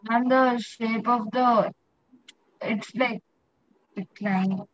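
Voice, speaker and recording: A woman's voice: a little high, fairly even intonation, takes it slowly, no echo. A young woman with an Indian accent, a student reciting answers in an online class. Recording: muffled lo-fi online call audio.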